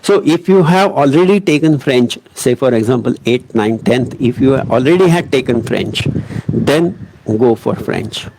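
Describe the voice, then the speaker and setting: A man with an Indian English accent, a coaching academy teacher guiding students through subject choices in an online session, earnest and hesitant, often pausing and correcting himself. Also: mid-range voice, expressive, creaky, a little mellow, a little hiss or hum, poor audio. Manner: earnest, hesitant, with many pauses and self-corrections.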